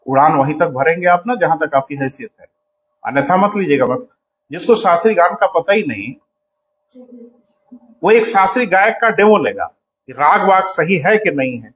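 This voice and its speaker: A man's voice: fairly high pitch, lively intonation, normal speed, a bit bright, poor audio. A man teaching in a coaching class, lecturing students sternly and calling them "beta" as he explains.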